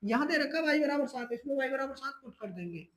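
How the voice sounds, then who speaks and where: High-voiced teacher walking through math steps. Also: expressive, a bit bright, poor audio. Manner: addresses students as children, keeps checking in with "ठीक है"; repeats and restates each step slowly. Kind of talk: step-by-step board exam math lesson.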